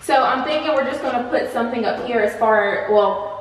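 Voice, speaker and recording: A vlog host with a fairly high voice gives a chatty, upbeat tour of an empty apartment, talking a little fast with lots of fillers. She's off-mic and distant, her voice echoing like a big hall through the bare rooms, with slight background noise.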